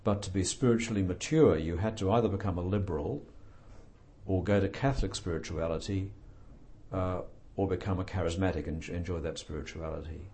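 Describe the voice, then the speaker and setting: A man's voice: low-pitched, a little fast, warm tone, slight background noise. An older man and author being interviewed, talking thoughtfully with dry humor and plenty of hesitations. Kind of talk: reflective interview talk.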